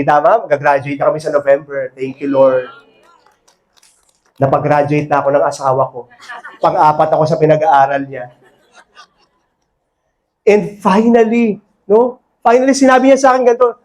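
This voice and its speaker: A man's voice: fairly high pitch, darkish tone. Filipino man preaching a sermon. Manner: switches between Tagalog and English, asks for amens. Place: church hall with a congregation.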